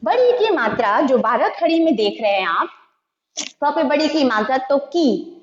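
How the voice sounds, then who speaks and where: A woman teaching young children, slow and patient, spelling out each syllable one by one. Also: high voice, big pitch swings, a little hiss or hum. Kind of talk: Hindi alphabet lesson for young children. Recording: echoey room, dull lo-fi sound.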